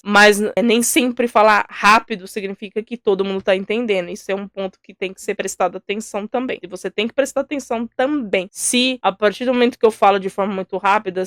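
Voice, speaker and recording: A woman's voice: medium pitch, smooth, no room sound. Brazilian woman explaining tips in a dry room. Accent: Brazilian Portuguese. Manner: explanatory, repeats points, asks "entendeu?". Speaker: channel host giving academic tips. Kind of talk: casual spoken lesson to camera.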